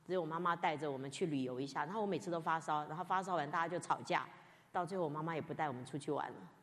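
A woman's voice: low-pitched, rapid-fire, a bit bright. Woman pastor preaching in a reverberant hall. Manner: candid, self-mocking storytelling. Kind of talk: sermon.

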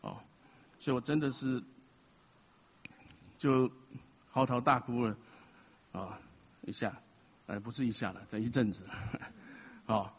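Speaking at a measured pace with long pauses, a man with a steady, husky, medium-pitched voice offers an emotional testimony to his church, mixing in jokes at his own expense. The audio is dull and echoes around a reverberant hall.

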